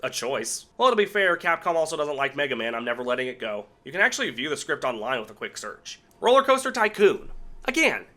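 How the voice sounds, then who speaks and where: Hosting a video essay on cancelled game movies, this man offers irreverent, sarcastic commentary peppered with casual swearing. His voice is on the high side and sharp, fairly quick, with big swings in pitch.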